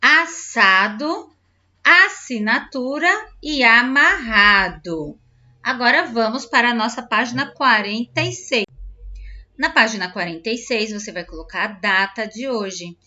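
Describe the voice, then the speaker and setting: A woman teacher patiently explaining a textbook lesson to young pupils, slowly sounding out syllables and talking directly to the children. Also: on the high side, bright, forceful tone, lo-fi sound. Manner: spells out syllables slowly, clapping out words. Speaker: primary school teacher.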